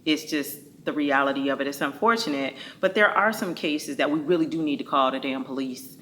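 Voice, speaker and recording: A woman's voice: low voice, fairly quick, fairly bright tone, slight background noise. A woman hosting a casual talk show, outspoken and playful, speaking. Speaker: host.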